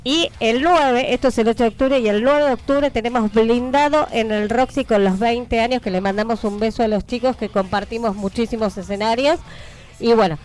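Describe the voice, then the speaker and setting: A woman's voice: on the high side, moderate pace, a little mellow. An Argentine woman on a radio interview, rambling through dates of upcoming shows with many hesitations. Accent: Argentine Spanish. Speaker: event producer and press agent.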